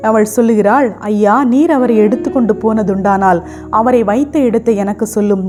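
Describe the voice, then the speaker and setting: A woman giving a devotional sermon in Tamil, earnestly speaking straight to her listeners and asking them repeated questions. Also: mid-range voice. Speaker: preacher. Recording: music playing under the voice.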